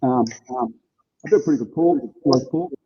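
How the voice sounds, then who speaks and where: A man's voice: medium pitch, normal speed. A man with an Australian accent, speaking plainly and informally as a guest in a casual chat. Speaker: interview guest, small food business owner. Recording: thin phone-like sound.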